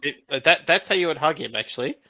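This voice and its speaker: A man's voice: on the high side, animated, fast, crowd noise. A man playing in a tabletop role-playing game, joking around and hesitating with many ums. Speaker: player. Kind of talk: casual banter at a tabletop game. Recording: dull lo-fi call audio.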